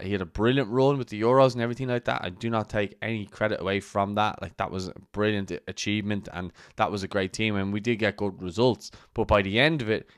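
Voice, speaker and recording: A man's voice: on the low side, no echo, clean studio sound. A man hosting a football channel, giving emphatic opinion commentary to camera. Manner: opinionated, emphatic, building his argument.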